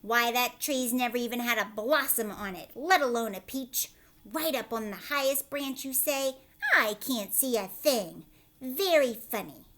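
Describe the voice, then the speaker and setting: A woman voicing a greedy, scornful, bossy older aunt in a children's story, loud and disbelieving. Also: a little high, expressive, measured pace.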